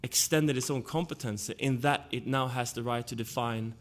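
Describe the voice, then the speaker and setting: A man with a Swedish accent gives an argumentative panel talk and works through his case point by point. His voice sits at a middling pitch for a man. His delivery is measured and deliberate. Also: fairly even intonation. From Sweden. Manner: argumentative, lays out points in order.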